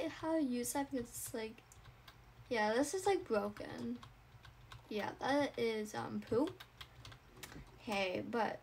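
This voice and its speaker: A woman's voice: high voice, vocal fry, a little hiss or hum. A woman narrating her game character in a playful first-person way, chatty and dramatic with lots of "like" fillers.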